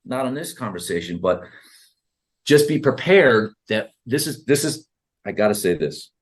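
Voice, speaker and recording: A man's voice: medium pitch, normal speed. A man who works as a therapist and author, talking animatedly in an interview and acting out his sessions with clients. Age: 30s. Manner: animated, acts out dialogue with clients. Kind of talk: interview conversation.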